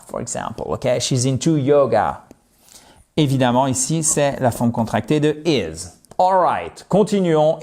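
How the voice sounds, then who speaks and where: A man teaching English in an online lesson, playful with jokey asides and slowly repeated words. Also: mid-range voice, darkish tone.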